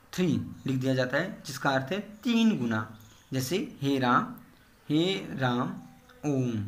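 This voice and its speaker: A man's voice: a little high, a bit bright. A male teacher giving a grammar lesson, explaining step by step and repeating key terms in English. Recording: echoey room.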